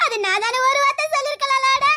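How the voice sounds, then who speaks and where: Woman playing a tearful aunt, Tirunelveli Tamil accent, very high bright voice, sobbing and pleading, web drama. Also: fast, exaggerated voice. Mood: crying reproach. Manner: sobbing, pleading, half laughing through tears. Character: tearful woman reunited with a lost boy she raised.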